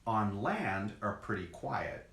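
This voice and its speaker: A man's voice: on the low side, sing-song, slow pace, creaky, a bit bright. A man co-hosting a children's lesson as a zoologist, explaining things casually and simply in short pieces. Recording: echoey room, background noise.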